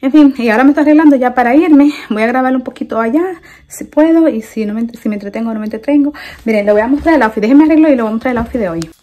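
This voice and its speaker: A woman's voice: on the high side, rapid-fire, mellow, dull audio. A young woman with a Dominican Spanish accent, telling a story in a chatty vlog and repeating phrases for emphasis. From Dominican Republic. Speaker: vlogger.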